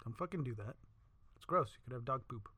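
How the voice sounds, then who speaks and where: Bright-voiced, swearing, laughing podcast co-host. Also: medium pitch, animated, fast, breathy edge. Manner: laid-back, swears a lot, laughs often. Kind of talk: casual chat.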